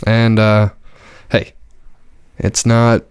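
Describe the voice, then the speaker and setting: Male co-host, casual and hesitant, smooth tone, close dry recording. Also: lowish voice, monotone, very slow, dry recording. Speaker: podcast co-host. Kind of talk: casual chat.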